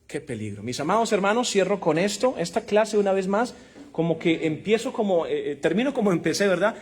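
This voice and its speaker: This preacher speaks in a high, animated voice at a fairly quick pace. He teaches a Bible class in sermon style, addressing the congregation emphatically and calling out rhetorical questions and amens.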